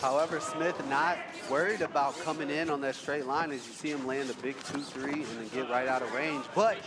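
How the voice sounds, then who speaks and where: A man's voice: mid-range voice, steady tone, fairly quick, a loud crowd. A man giving casual, explanatory color commentary on a fight broadcast. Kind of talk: conversational fight analysis.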